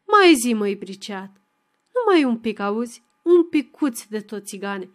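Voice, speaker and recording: A woman voicing a domineering young village man who speaks in hoarse, commanding bursts. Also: on the high side, big pitch swings. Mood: coaxing.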